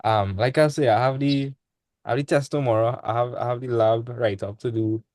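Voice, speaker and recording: A man's voice: medium pitch, steady tone, fairly quick, a little mellow, no echo. A young man, tutoring maths in a casual online class. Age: young adult. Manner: casual, laid-back teaching with dialect speech. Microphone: video call.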